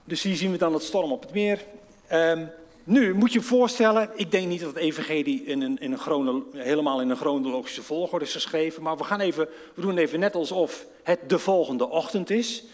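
A man delivers a sermon in a chatty, down-to-earth way, turning to his listeners with questions. His voice sits a little high for a man. It carries with the long echo of a large hall. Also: a little fast. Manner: conversational, asks the audience questions, acts out quotes. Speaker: preacher.

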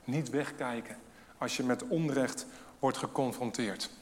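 A man preaching a sermon with emphasis, asking rhetorical questions and swinging between loud and hushed delivery. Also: mid-range voice, measured pace. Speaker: pastor. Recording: long hall reverb.

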